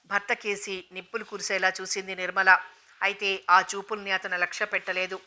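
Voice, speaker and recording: A woman narrating a novel in a steady, even storytelling manner, in an audiobook reading. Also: medium pitch, brisk.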